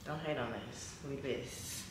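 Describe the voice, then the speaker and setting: A woman in her twenties from Texas, chatting casually to camera in a slangy, lively vlog. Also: a bass voice, a little slow, heavy background noise. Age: 20s. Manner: chatty, animated, uses slang. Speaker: vlogger. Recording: echoey room, recorded from a distance.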